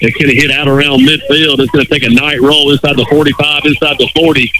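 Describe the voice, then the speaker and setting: A man announcing a high school football game live on radio, calling the action in a rapid running commentary. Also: steady tone, very noisy. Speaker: play-by-play announcer.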